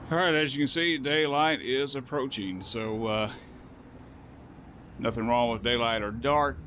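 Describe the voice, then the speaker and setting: A Southern American man chats through a working vlog, explaining each step as he goes. His voice sits at a middle pitch. A faint hum of outdoor noise and passing vehicles runs behind him. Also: fairly even intonation, measured pace, fairly bright tone. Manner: chatty, explains as he works. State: out of breath. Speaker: vlogger spreading ice melt. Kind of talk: casual vlog narration. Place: outdoors in parking lots, cold.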